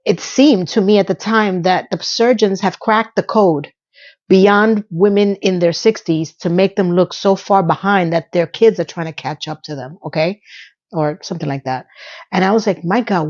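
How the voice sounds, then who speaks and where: On lo-fi sound, a YouTube commentator in her fifties talks at a moderate pace in a lowish, darkish voice. She's chatty and gossipy, tossing in asides, filler and little bits of song as she goes.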